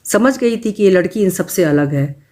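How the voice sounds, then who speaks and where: A woman storyteller reads a short story aloud. Her pace is measured and her delivery expressive. Her voice sits at an ordinary middle pitch.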